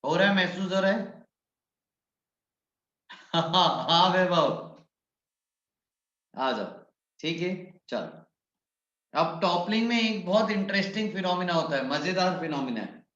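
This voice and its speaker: A man's voice: high-pitched, expressive, takes it slowly, pauses often, fairly bright tone. A man teaching a physics class online, coaxing his students and calling on them by name, mixing English physics terms into his explanations. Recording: muffled echoey room.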